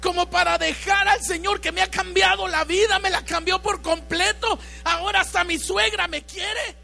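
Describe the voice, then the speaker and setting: A woman preaching a fervent sermon, at times rising to a shout. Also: extremely high pitch, fairly even intonation, normal speed, gravelly, faint music behind.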